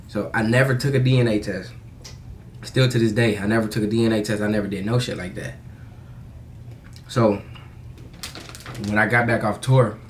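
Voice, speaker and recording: A young American man telling a personal story in a casual confessional vlog, candid and halting, with slangy, profane phrasing. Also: fairly low pitch, slight background noise. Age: young adult.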